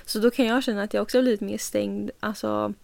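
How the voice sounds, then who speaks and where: A woman's voice: mid-range voice, steady tone, gravelly, darkish tone, dry recording. A young woman co-hosting a casual podcast chat, speaking reflectively and supportively. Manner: reflective, supportive listener, many fillers. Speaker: podcast co-host.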